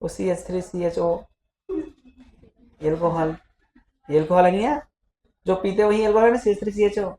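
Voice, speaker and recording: A man's voice: high voice, level tone, moderate pace, pauses often, dark tone, slight background noise. A male physics teacher in a casual classroom lecture, teasing and scolding his students as he talks. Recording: echoey classroom.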